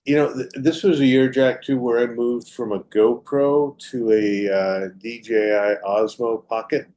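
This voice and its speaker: A man co-hosts a casual podcast, his tone mellow and warm at a middle pitch. He chats in an easygoing way, readily agreeing and adding his own points. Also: measured pace. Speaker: podcast co-host.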